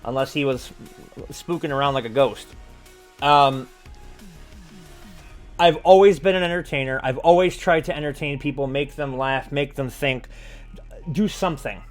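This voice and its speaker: A man's voice: medium pitch, normal speed, pauses often, faint music behind. A man in his forties delivering an impassioned monologue as a livestream host, blunt and sweary, leaning hard on key words. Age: 40s. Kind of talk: impassioned monologue to an online audience.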